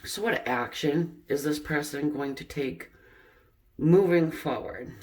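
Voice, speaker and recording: Lady tarot reader, talks slow, casual chatty style with lots of fillers. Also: low voice, darkish tone. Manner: chatty, laughs at the cards, many fillers. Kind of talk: pick-a-card tarot reading.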